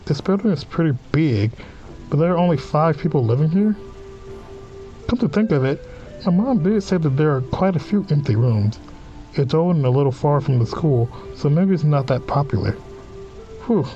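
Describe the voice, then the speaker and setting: A let's play host reads a visual novel aloud over game music, his fairly high, mellow voice animated and at normal speed on lo-fi audio. Between read-out lines he drops in informal asides and reactions.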